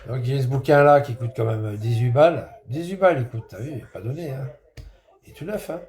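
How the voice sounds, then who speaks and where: Man, casual vlogger, mellow low tone, rambling and repetitive, slangy. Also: fairly quick, a little hiss or hum. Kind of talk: casual vlog chat.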